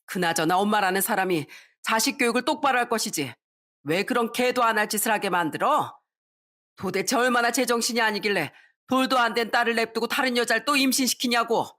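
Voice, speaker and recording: A woman voicing a fierce older mother who scolds her daughter's in-laws with a sharp tongue in a radio story reading. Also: a little high, brisk, voice pushed up, close to an everyday voice. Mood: scolding.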